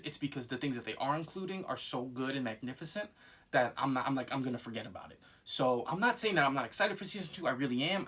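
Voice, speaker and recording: A man's voice: mid-range voice, fairly bright tone. A man giving casual, unscripted fan commentary in a nervous, rambling way, circling back and repeating himself.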